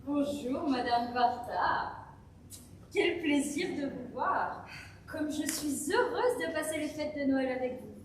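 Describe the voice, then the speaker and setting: A woman's voice: high voice, lively intonation, takes it slowly, pauses often, slight background noise. A woman playing a polite, eager-to-please young wife with a prim, courteous manner, in an amateur stage play. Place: theatre stage. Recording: very echoey hall from far off.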